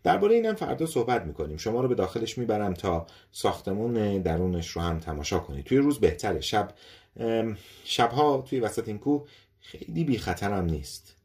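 A man's voice: lowish voice, very animated, a little mellow. A man voicing an eccentric male scientist who mutters to himself and talks with nervous cheer, in an audiobook story. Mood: nervously chatty.

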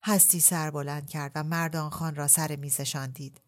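A woman narrating a novel in a calm, measured storytelling manner. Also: sits low.

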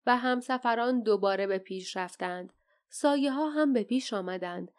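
Woman narrating an audiobook. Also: a little high. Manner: steady, dramatic storytelling. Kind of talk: scripted narration.

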